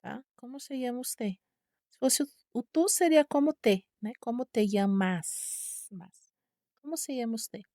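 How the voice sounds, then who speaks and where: A woman's voice: fairly high pitch, expressive, dark tone, dry recording, clean studio sound. A Brazilian woman teaching a Spanish lesson online, speaking patiently and repeating each word. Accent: Brazilian Portuguese. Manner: patient, repeats words slowly, checks with "tá?".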